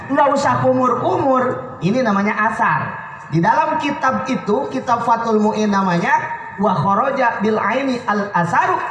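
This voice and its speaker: A man's voice: high-pitched, roomy sound, a little hiss or hum, low-quality recording. A man preaching a comic sermon, joking and playing characters. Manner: joking, animated, slips into characters' voices.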